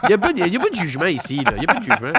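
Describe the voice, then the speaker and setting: A man's voice: sits high, wildly swooping pitch, racing, crowd noise. A man with a Québécois French accent hosts a podcast interview in a casual, playful way, rambling a little and laughing often. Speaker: podcast host.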